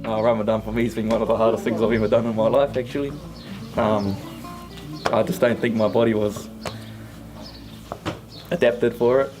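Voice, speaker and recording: Low-voiced male interviewee, heartfelt, music under. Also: steady tone, moderate pace, long pauses, low-quality recording. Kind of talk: candid interview.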